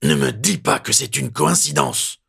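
Man voicing a hostile, shouting lieutenant for an audiobook; raised, aggressive, husky edge. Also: medium pitch, measured pace, voice pushed up, heavily acted. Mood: furious. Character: furious menacing male gang lieutenant.

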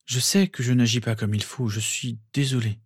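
A man voicing a caring young mother who pleads softly and apologizes. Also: medium pitch, steady tone, normal speed, slightly rough, no room sound, clean studio sound, natural voice. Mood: pleading. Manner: pleading, soft.

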